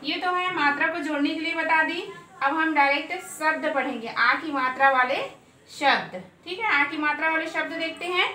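A woman teaching an online lesson at a blackboard, speaking slowly, repeating words and asking questions. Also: sits high, bright, forceful tone. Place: room with a blackboard. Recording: echoey room from a distance, faint noise.

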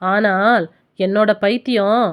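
A woman voicing a fierce, grieving elderly grandmother in an audiobook, speaking slowly and deliberately in a lowered voice. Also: steady tone, clean tone, close to an everyday voice. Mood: quiet, resigned. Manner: slow, low, deliberate speech. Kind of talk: audiobook character voice.

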